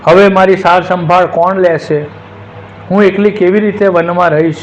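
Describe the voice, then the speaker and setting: A man's voice: high-pitched, fairly even intonation, normal speed, close to an everyday voice. A man reading as a grieving young daughter. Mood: lamenting. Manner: lamenting, plaintive. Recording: dull lo-fi with faint hiss.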